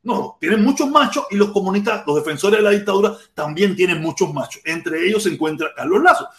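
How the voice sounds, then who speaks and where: A man's voice: high voice, animated, fairly quick, fairly bright tone, roomy sound. A man from Cuba with a Cuban accent, hosting a heated political livestream, reading the chat and repeating words in bursts. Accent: Cuban Spanish. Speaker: livestream host.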